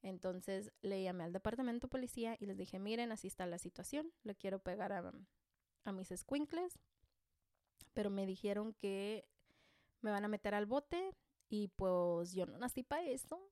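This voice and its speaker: Woman, Mexican accent, mother, casual storytelling, joking, self-deprecating, mid pitch, dry close sound. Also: lively intonation, normal speed, darkish tone, dry recording. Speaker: mother telling a personal story.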